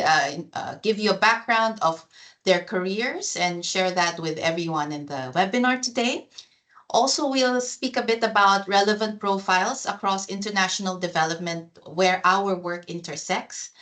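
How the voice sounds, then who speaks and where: A woman's voice: medium pitch, a bit bright. A woman HR officer hosting an online presentation over a video call, speaking with frequent fillers and restarts.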